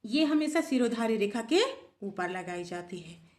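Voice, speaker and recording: A woman teaching a grammar lesson to pupils, asking questions and answering them herself in a steady classroom rhythm. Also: mid-range voice, measured pace. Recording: echoey room.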